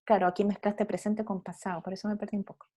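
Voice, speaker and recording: A woman's voice: mid-range voice, level tone, quick pace, dark tone. A woman, an English teacher giving feedback on a video call, correcting and explaining patiently. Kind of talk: online class feedback.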